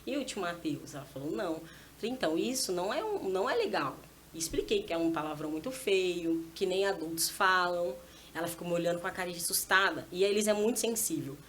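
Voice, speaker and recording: A rapid, chatty woman shares a heartfelt anecdote about parenting. She slips into the voices of herself and her child as she talks. Her speech is quick, and faint room noise sits in the background. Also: on the low side. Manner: animated, acts out dialogue with her child. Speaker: guest, mother of a small daughter. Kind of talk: casual storytelling testimony. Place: church podcast setting.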